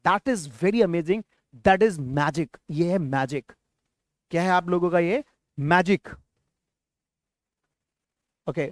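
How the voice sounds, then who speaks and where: A man's voice: high-pitched, no room sound, studio quality. A man with an Indian accent teaching an online English class, calling out words for students to repeat and quizzing them as he goes. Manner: encouraging, asks the class questions. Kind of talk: online English lesson with drills.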